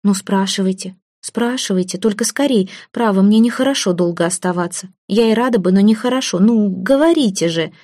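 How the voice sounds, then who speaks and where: A woman's voice: mid-range voice, a little fast, hardly any pauses, a little mellow, dry recording, studio quality, natural voice. A woman reading as a shy poor young woman. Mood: pleading. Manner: pleading, flustered, self-deprecating.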